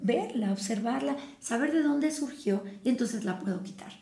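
Calm reflective woman, roomy sound. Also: on the high side, moderate pace, creaky. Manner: calm, reflective, explaining with everyday examples. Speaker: podcast co-host. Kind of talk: casual wellness chat. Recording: echoey room.

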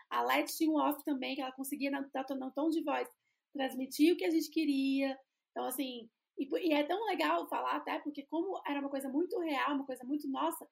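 A woman's voice: high-pitched, creaky, a little mellow. A Brazilian woman co-hosting a podcast, chatting casually about branding and often restarting phrases as she searches for the right words. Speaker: podcast co-host, brand designer.

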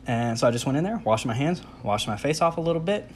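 A man's voice: mid-range voice, lively intonation, fast talker. A young man with an ordinary mid-range voice tells a comic personal story in a loose, casual way. He pokes fun at himself and acts out his own reactions. Faint ambient noise sits behind him.

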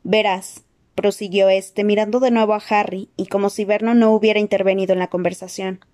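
A woman narrating an audiobook in a steady, even storytelling manner. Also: medium pitch, a little fast.

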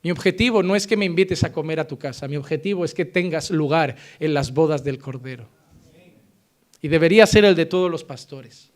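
A pastor giving a sermon, emphatic and insistent, driving points home through repetition. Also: male voice, fairly high pitch, brisk.

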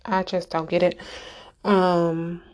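A woman's voice: fairly low pitch, little pitch movement, slow pace. A woman vlogger giving a casual, emphatic rant straight to her viewers, exasperated and direct.

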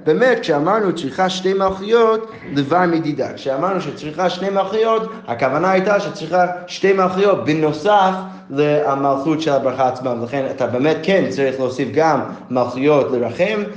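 A man's voice: a little high, a little mellow. Man teaching Talmud, echoey lo-fi. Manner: reads Aramaic text in chant, then paraphrases it casually; frequent self-corrections and fillers. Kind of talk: Talmud study lesson, reading Aramaic and explaining. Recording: echoey, dull lo-fi recording.

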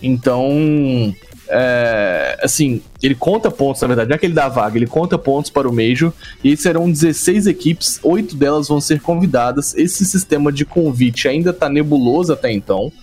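A man's voice: mid-range voice, normal speed, darkish tone. A young man with a Brazilian Portuguese accent co-hosting a casual esports podcast in a blunt, exasperated, slangy style. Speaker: podcast co-host. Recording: music behind the voice. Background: background music.

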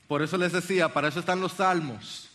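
A male preacher delivers a sermon, reading scripture aloud and asking his listeners earnest questions. His voice sits high for a man, with a bright and forceful tone. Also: fairly even intonation, quick pace. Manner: earnest, addresses the congregation with questions.

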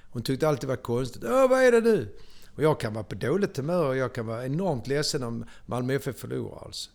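An older man with a Scanian Swedish accent tells stories from his life in a lively, theatrical way. He speaks at an everyday pitch and breaks into sudden loud exclamations now and then. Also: creaky. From Sweden. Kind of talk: animated personal storytelling.

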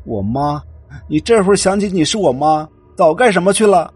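A man's voice: medium pitch, wildly swooping pitch, fast talker, slightly rough, faint music behind, heavily acted. A man voicing a defiant young female student who argues with her mother, cold at times and near tears at others. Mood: upset. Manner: cold, then tearful and shouting. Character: angry young woman student, defiant daughter.

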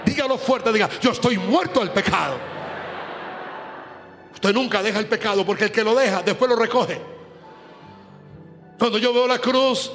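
A man's voice: high-pitched, normal speed, pauses often, a bit bright. A male preacher giving a fervent sermon, praying aloud, speaking in tongues and repeating phrases for emphasis. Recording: echoey hall with music behind.

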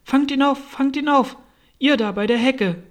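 Man voicing a bossy rabbit, storybook, shouting orders, very high. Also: flat delivery, measured pace, slightly rough. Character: flustered bossy male rabbit.

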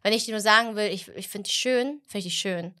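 A woman in her thirties, a guest in a casual podcast conversation, talking in a lively way and acting out quoted lines. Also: medium pitch. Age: 30s. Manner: fast, animated, acts out quoted lines.

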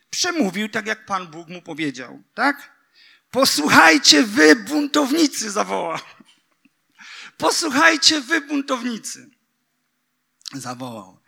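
A man's voice: high voice, vocal fry, bright, forceful tone. A man preaching a sermon, speaking directly to his congregation, reading scripture aloud and breaking into emphatic outbursts.

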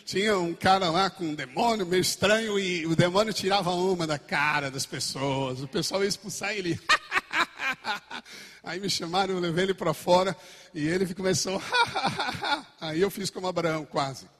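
Animated Brazilian pastor preaching. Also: male voice, high-pitched, brisk. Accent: Brazilian Portuguese. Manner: animated, swings between shouting and quiet asides. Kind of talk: sermon. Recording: echoey church hall.

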